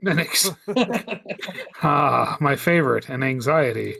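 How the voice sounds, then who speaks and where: Man, podcast co-host, blunt opinions, slightly high voice. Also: animated, slow, gravelly, pushed and bright, husky. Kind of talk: casual chat.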